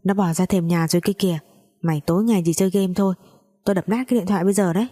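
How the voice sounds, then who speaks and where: A woman voicing a mother who scolds and mocks with a sharp, sarcastic tongue. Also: lowish voice, fairly even intonation, a little fast, lightly acted. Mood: scolding.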